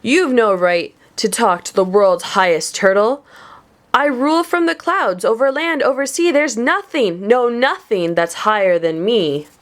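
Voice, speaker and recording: A woman's voice: a little high, lively intonation, measured pace. Woman doing Yertle, a bellowing boastful turtle king. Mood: angry.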